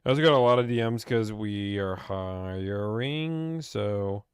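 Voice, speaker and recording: A man's voice: fairly low pitch, unhurried, clean tone, no echo, studio quality. A young man from Pittsburgh, chatting casually as he reads and answers viewer questions about car buying on a live stream.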